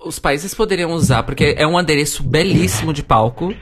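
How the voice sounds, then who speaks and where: A man's voice: fairly high pitch, fairly quick, fairly bright tone. A man hosting a casual podcast chat, talking in an opinionated way and laughing often. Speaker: podcast host.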